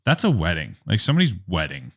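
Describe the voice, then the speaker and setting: A young man, a photographer, telling a story in a casual podcast interview, rambling and animated, with a lot of "like" and acted-out quotes. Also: low-pitched, fast talker. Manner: animated, rambling, heavy use of "like", acts out quotes. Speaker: photographer and business owner, podcast guest.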